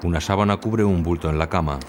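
Brisk low-voiced male audio describer. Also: slight background noise. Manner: brisk, even, neutral. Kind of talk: scripted narration.

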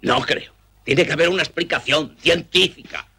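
An actor playing a fussy male boarder who earnestly pleads his innocence, with a husky voice. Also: fairly high pitch, normal speed, sharp tone, full character voice. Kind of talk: film dialogue.

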